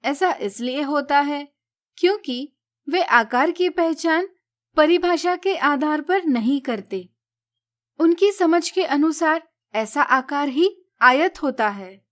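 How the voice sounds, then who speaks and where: Slow, high-voiced woman teacher. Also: animated, fairly bright tone. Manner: measured, explanatory. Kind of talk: scripted educational narration.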